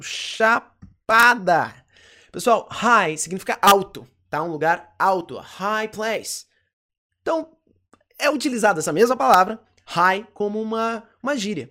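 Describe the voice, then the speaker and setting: Brazilian english teacher, says each phrase slow and twice, keeps checking in with the class. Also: medium pitch, animated, pushed and bright. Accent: Brazilian Portuguese. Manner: slow careful repetition, frequent "ok?" check-ins. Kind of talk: online language lesson.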